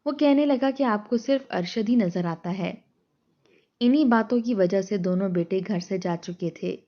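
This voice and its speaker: Woman reading a sad story, even tone, kinda muffled audio. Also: medium pitch. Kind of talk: scripted story narration.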